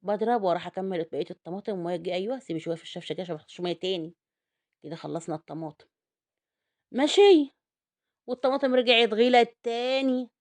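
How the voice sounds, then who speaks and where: A chatty Egyptian home cook talking her viewers through a recipe. Her voice sits at an ordinary middle pitch for a woman. She turns loud and indignant whenever food prices come up. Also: racing. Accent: Egyptian Arabic. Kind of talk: casual cooking vlog.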